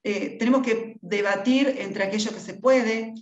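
A woman's voice: a little high, a little slow. A middle-aged woman gives a reflective conference talk, building lists and adding tag questions. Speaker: education speaker. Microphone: video call, wearing headphones. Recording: echoey, dull video-call audio.

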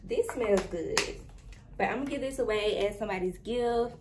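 A woman's voice: mid-range voice, moderate pace. Chatty young woman, noisy recording. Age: young adult. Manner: chatty, informal, talks straight to viewers. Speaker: vlogger. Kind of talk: casual haul vlog chat. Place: small indoor bedroom. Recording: noisy background hiss.

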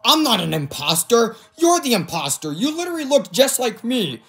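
A young fan voicing a boastful, short-tempered male penguin king who blusters, repeats himself and yells insults. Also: mid-range voice, sing-song, normal speed, husky, faint music behind. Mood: angry.

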